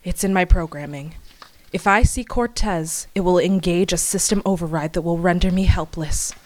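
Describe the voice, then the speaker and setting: A woman playing a brisk, commanding female cyborg heiress in an audio drama. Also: lowish voice, a little mellow, natural voice. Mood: determined.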